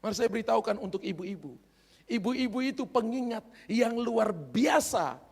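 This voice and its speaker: A man's voice: high-pitched, animated, normal speed, husky. A man preaching as pastor, telling stories and acting out his characters' voices. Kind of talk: storytelling sermon. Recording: reverberant hall.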